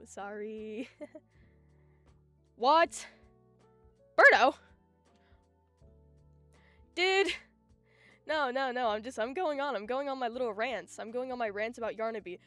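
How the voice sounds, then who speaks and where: A young woman streaming live, chatting casually in an excitable, giggly, rambling way. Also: fairly high pitch, no room sound. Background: faint music.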